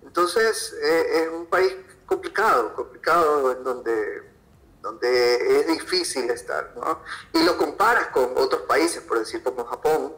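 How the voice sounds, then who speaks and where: A freelance photographer guesting on a podcast answers conversationally in an Ecuadorian Spanish accent. His fairly high, slightly bright voice is animated yet unhurried, though the recording is rough.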